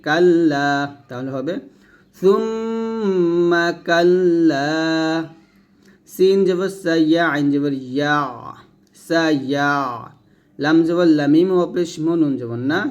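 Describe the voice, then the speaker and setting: A man teaching Quran reading step by step, spelling out letters and vowel marks, then chanting the verses in long drawn-out tones. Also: fairly high pitch, highs cut off. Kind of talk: step-by-step recitation lesson.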